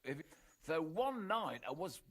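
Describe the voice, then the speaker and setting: An actor playing a talkative medieval villager in a video game, giving directions and telling tales in a husky voice. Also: male voice, a little high, very animated, measured pace, fairly bright tone, heavily acted. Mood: storytelling.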